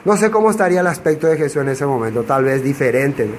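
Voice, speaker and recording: A man's voice: medium pitch, big pitch swings, fast, a little hiss or hum. A man teaching a Bible passage verse by verse, who asks rhetorical questions and answers them himself. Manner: acts out quoted dialogue in changed voices.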